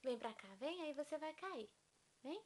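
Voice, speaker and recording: Woman, mother on a home video, high-pitched, slow coaxing baby talk. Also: expressive, darkish tone, slight background noise. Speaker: mother filming her baby.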